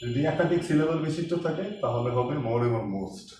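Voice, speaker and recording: A man teaches English grammar, patiently breaking each rule down and slowing down to spell out example sentences. His voice comes from some way off the mic in a strongly echoing room, with faint room noise behind. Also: medium pitch. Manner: explains step by step, slows down to spell out example sentences. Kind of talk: classroom grammar lesson. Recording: echoey room, mic at a distance.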